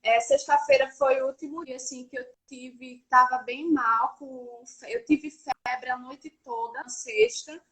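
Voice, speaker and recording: A woman's voice: sits high, measured pace, few pauses, sharp tone, low-quality recording. A woman in her thirties giving an earnest religious testimony over a video call, her voice breaking at times. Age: 30s. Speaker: guest sharing testimony.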